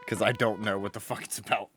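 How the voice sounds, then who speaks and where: A man's voice: lowish voice, steady tone, normal speed, a bit bright. A man bantering crudely and joking over a game, swearing often. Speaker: let's play co-host. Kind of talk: casual banter over gameplay.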